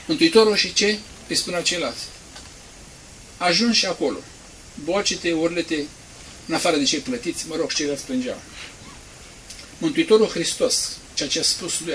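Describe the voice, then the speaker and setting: A male priest preaching a sermon, swinging from quiet asides to loud, emphatic peaks. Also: on the high side, slight background noise, poor audio.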